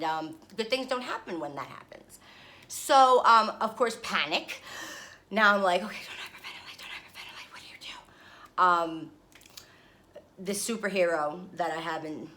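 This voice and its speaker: A young woman from the New York area tells a travel mishap to her camera in a casual vlog. Her voice is bright and slightly low, and she sounds worn out. She turns dramatic and animated, laughing through the hard parts. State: tired. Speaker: vlogger. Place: hotel room.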